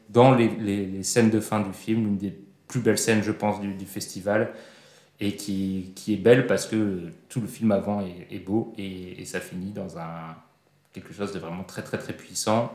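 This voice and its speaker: A man's voice: on the low side, darkish tone. A man hosting a casual film discussion, talking with frequent fillers and restarts. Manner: hesitant, with many fillers and restarts. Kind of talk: casual film review chat. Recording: roomy echo.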